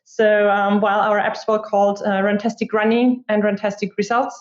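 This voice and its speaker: A woman's voice: medium pitch, flat delivery, moderate pace. A woman in her twenties from Austria, a guest in a casual interview, chatty and full of "like" fillers. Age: 20s. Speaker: guest, product marketer. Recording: echoey room, dull lo-fi sound.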